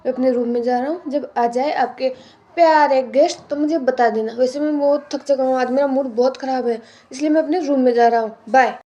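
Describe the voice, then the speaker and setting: A woman's voice: high-pitched, steady tone, a little fast, mellow, dull audio. A woman voicing a bratty, hot-headed young male student who talks back defiantly and sulks in a Hindi storybook retelling. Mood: sulky. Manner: defiant, sulky.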